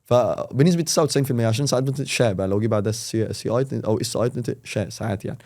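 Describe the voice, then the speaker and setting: A man with an Egyptian Arabic accent, a teacher talking in a casual podcast and explaining with quick, animated examples. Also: medium pitch. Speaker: English teacher, podcast guest.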